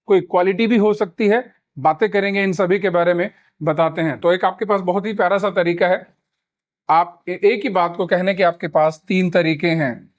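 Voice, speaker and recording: A man teaching grammar in Hindi. He repeats model sentences slowly and deliberately, with frequent "yes" check-ins. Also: high voice, fairly even intonation, highs cut off. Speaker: English teacher. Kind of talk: spoken grammar lesson in Hindi with English examples.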